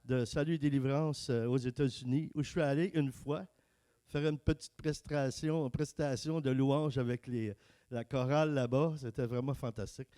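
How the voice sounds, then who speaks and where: A man preaching a casual, joking sermon and reading scripture slowly. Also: medium pitch, steady tone, dark tone. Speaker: preacher and worship singer. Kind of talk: casual sermon with sung worship.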